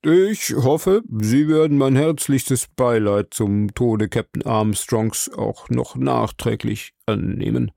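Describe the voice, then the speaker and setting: A man voicing a composed, courteous gentleman scientist. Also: mid-range voice, takes it slowly, gravelly, hardly any pauses, dry recording, clean studio sound. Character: polite composed male scientist.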